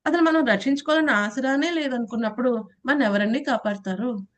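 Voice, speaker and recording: High-voiced woman teaching a scripture class. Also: brisk. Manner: conversational, asks the class questions, laughs, acts out quotes. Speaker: Gita teacher. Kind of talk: devotional class lecture.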